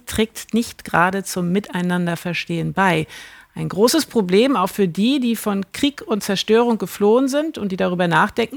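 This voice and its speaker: A woman introducing a report in a deliberate, emphatic way. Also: medium pitch, vocal fry, no room sound. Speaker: presenter. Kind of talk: program introduction.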